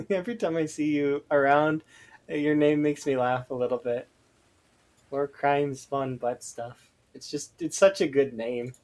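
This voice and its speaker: A Canadian man chatting casually while streaming a game, rambling with lots of hesitant fillers. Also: fairly high pitch. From Alberta, Canada.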